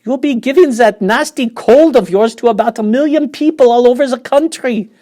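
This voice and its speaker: A man voicing a panicky, shrill middle-aged mother in a children's storybook reading, shouting high and loud. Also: normal speed. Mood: frantic shrieking. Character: shrieking panicky mother, umbrella-waving, middle-aged woman.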